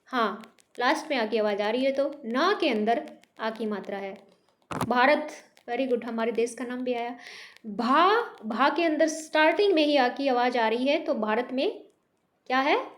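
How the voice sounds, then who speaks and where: A woman's voice: high voice, moderate pace. A woman teaching a beginners' Hindi lesson online, patiently sounding out syllables, mixing in English words and checking in with her students. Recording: noisy recording with clicks.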